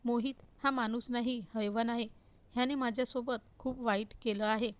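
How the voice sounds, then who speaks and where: A woman's voice: fairly high pitch, fairly even intonation, moderate pace, clean tone, close to an everyday voice. A woman reading the part of a hurt young wife who pleads and reproaches. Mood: angry.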